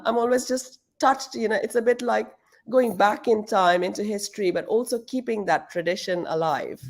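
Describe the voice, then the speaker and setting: A middle-aged woman from Pakistan speaks in a low register with a gravelly, creaky edge. She answers interview questions at home in a relaxed, thoughtful way, pausing with fillers and restarting her sentences. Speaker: guest, shoe brand founder.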